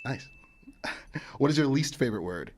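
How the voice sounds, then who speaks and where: A man's voice: medium pitch, expressive, normal speed. Upbeat guy hosting a podcast, laughs a lot, hissy noisy recording. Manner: upbeat, repeats catchphrases, laughs often. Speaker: podcast host. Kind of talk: casual interview chat.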